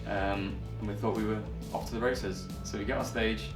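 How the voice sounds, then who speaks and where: Speaking from the band practice room, a twenty-year-old man who plays lead guitar gives a wry account during a documentary interview. His lowish voice is flat and moves at a normal speed. Sound bounces around the echoey space, he's far from the mic, and music runs underneath.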